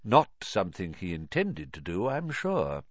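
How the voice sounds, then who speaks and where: Dumbledore, a man doing a calm old wizard. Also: sits low, no room sound, highs cut off, heavily acted. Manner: calm, measured, gentle. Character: old male wizard headmaster, calm, kindly.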